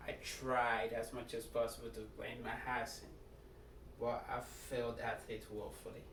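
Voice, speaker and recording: A middle-aged man with a Nigerian accent giving a prepared self-introduction speech as a student, earnest and deliberate, speaking in short phrases. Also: medium pitch, monotone, fairly bright tone. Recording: echoey room, distant mic, background noise.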